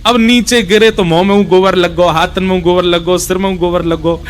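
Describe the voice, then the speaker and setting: A man with a Braj accent telling devotional stories in an animated, folksy way, stopping to explain words to listeners. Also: sits high, normal speed. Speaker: katha storyteller. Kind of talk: devotional storytelling sermon.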